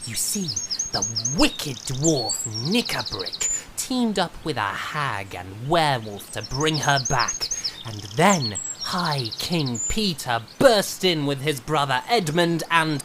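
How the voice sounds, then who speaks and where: A man's voice: a little high, big pitch swings, slow, few pauses, very noisy. A man playing a proud young prince and devoted son in a fan audio drama, with an earnest, grandiose delivery. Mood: proud, stirring.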